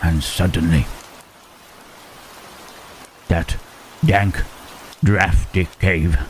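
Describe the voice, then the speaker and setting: A man playing Frankenstein's monster as a lonely, gentle creature in intimate ASMR roleplay, halting and tender, with formal wording. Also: low voice, fairly even intonation, a little hiss or hum. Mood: tender, wistful. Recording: rain and thunder behind the voice. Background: rain and thunderstorm.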